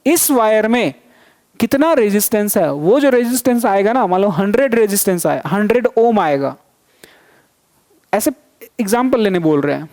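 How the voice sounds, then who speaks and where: A man's voice: high voice, lively intonation, normal speed, pauses often, a little mellow. A male teacher giving a physics lesson, repeating each point and asking the class rhetorical questions to check they follow. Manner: coaxing, checks students follow.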